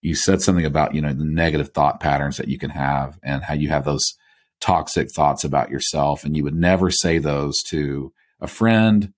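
A man's voice: a bass voice, steady tone, moderate pace. A man hosting a podcast, asking thoughtful, rambling questions in a casual interview. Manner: thoughtful, rambling, restarts phrases. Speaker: podcast host.

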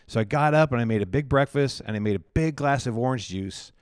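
A man's voice: mid-range voice, brisk, clean tone, no room sound, clean studio sound. A male pastor telling his life story in an interview, candid and chatty, often laughing at himself.

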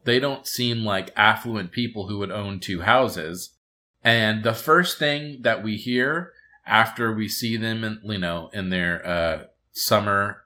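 A man co-hosting a podcast, chatting casually about a cartoon episode in a halting way, full of fillers and restarts. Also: fairly low pitch, sharp tone. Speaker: podcast co-host.

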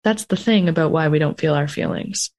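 A woman from North America hosts a casual interview podcast in a somewhat low voice. She is reflective and thinks aloud in long sentences. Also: fairly quick, darkish tone. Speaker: podcast host.

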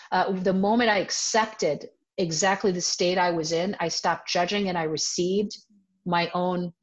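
A woman in her forties, a self-defense teacher, telling a personal story in an interview in an animated way and breaking into voiced quotes of herself. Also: lowish voice. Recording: dull lo-fi audio.

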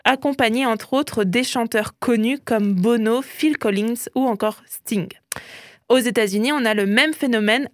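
A woman's voice: on the high side, dry recording, clean studio sound. A woman hosting a radio show, chatting playfully about pop culture and often adding "hein".

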